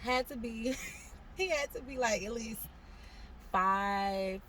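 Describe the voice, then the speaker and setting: A young woman casually telling a personal story to an interviewer, animated and acting out the voices of the people in it. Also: on the high side, slow, slight background noise. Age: young adult. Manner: animated, acts out quoted voices, laughs often. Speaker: guest telling her story.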